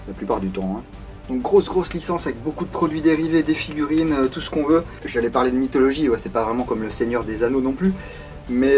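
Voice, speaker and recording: A man's voice: mid-range voice, darkish tone. Chatty French-speaking man reviewing gear. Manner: chatty, frequent hesitation fillers, self-deprecating asides. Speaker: video host reviewing airsoft replicas. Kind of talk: casual unscripted product review.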